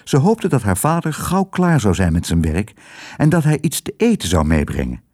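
Expressive man reading a children's story. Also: on the low side, normal speed. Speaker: narrator.

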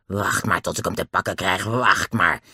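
A man's voice: sits low, normal speed, bright, forceful tone, husky, no room sound, studio quality, pitched below the performer's own voice, full character voice. A man voicing an angry, bullying circus uncle who threatens and hisses. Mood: threatening. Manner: threatening, hissing.

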